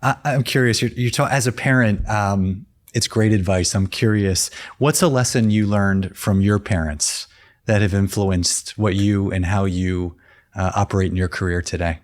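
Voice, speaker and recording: Male podcast host, lower voice, thoughtful interviewer. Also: normal speed. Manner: thoughtful, restarts phrases while asking.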